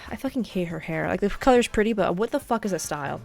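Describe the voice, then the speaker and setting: A woman's voice: medium pitch, animated, quick pace, vocal fry, a little mellow, soft background music. Rambling, foul-mouthed female gamer. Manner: rambling, swears freely, blunt. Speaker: let's play streamer. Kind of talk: casual gameplay chat.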